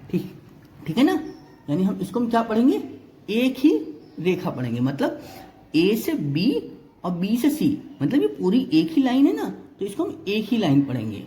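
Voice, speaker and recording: A man's voice: sits high, mellow, roomy sound, a little hiss or hum. A male reasoning teacher giving an exam-prep lesson, explaining step by step, counting items aloud and often checking whether students follow.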